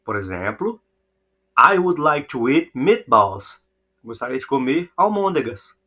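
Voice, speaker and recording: A man teaching English to Portuguese speakers, saying each model phrase slowly and repeating it for practice. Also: fairly high pitch, fairly bright tone.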